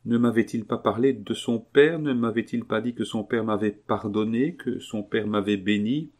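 A man's voice: lowish voice, normal speed, a little mellow, lightly acted. A man reading aloud voices a fragile, feverish young woman who pleads in a raised, breathless voice. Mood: anxious pleading.

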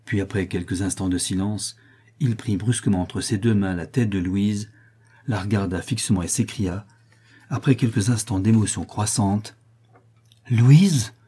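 A man narrating a classic novel in a measured, expressive reading. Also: lowish voice, breathy edge. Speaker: audiobook narrator.

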